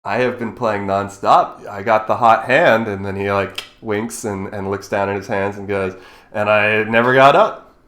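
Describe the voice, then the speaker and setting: A man running a tabletop game as game master, narrating and voicing characters with animated shouts. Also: on the low side, moderate pace, few pauses.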